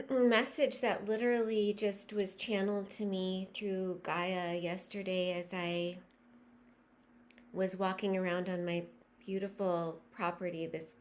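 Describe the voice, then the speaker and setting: A woman speaking as a spiritual guide, leading a guided breathing meditation in a slow, soothing, breathy way. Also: mid-range voice, flat delivery.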